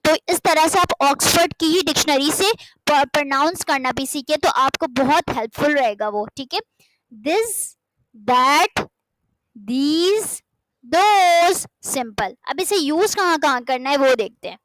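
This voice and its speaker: A woman teaching an English grammar lesson in Hindi, slowly drawing out each English example sentence and then translating it, often calling her students "beta". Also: high-pitched, fairly bright tone, a little hiss or hum, rough recording. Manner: addresses listeners as "beta", keeps checking with "theek hai". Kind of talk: classroom-style grammar lesson.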